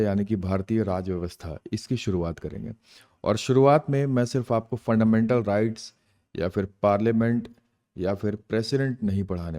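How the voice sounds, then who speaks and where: Young guy teacher doing exam prep class, lowish voice, kinda mellow, asks himself questions then answers. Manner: explains terms in Hindi and English, asks and answers own questions.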